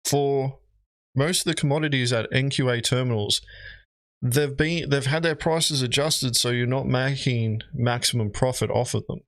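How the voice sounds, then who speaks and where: A man's voice: mid-range voice, moderate pace, fairly bright tone, dry recording. A man giving casual, rambling commentary as he reacts to gaming videos, with lots of fillers. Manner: rambling, frequent "you know" fillers.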